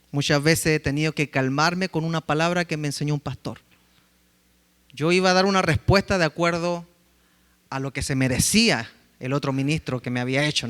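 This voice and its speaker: A man preaching in a church, his voice high and bright. He tells lively stories and acts out the quotes. A long reverb hangs after his words. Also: smooth. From Chile. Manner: lively storytelling, acting out quotes. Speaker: pastor. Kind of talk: sermon. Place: church sanctuary.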